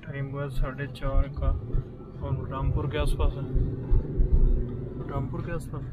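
A man's voice: medium pitch, little pitch movement, unhurried, over loud music, low-quality recording. A man in his thirties, a travel vlogger, talking to a handheld camera in a chatty, upbeat, easygoing way. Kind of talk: casual travel vlog talk to camera. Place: roadside, car interior and lakeside outdoors. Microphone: handheld camera at arm's length. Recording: road and traffic noise behind.

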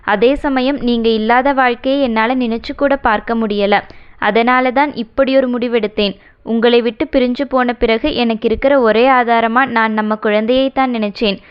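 A woman's voice: on the high side, fairly even intonation, normal speed, clean tone, dull audio, lightly acted. A woman voicing a tender young wife who pleads with her husband in an audiobook romance. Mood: earnest. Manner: emotional pleading dialogue.

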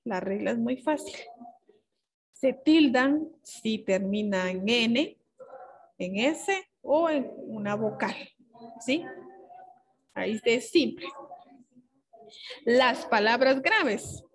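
A young woman teaches a grammar lesson, explaining each step patiently. She keeps checking that her pupils follow. Her voice sits a little on the high side. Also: lively intonation, takes it slowly, pauses often, husky, poor audio.

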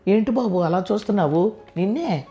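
A man's voice: high voice, lively intonation, a little fast, voice pushed up. A man putting on a chirpy, scatterbrained housewife. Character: silly excitable housewife, TV-contest crazy. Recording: dull lo-fi audio with soft music.

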